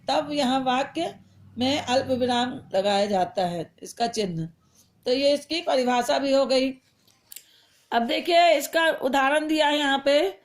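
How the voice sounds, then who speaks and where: A woman with a high voice patiently teaches young pupils a simple grammar lesson, slowing down to read each example sentence aloud.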